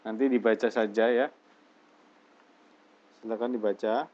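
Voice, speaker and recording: Slow-speaking male teacher, lo-fi recording. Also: fairly low pitch, steady tone, a little mellow. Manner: reads English example sentences slowly and deliberately, explains in Indonesian. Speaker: English teacher. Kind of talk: recorded English lesson explaining example phrases. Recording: dull lo-fi lesson recording.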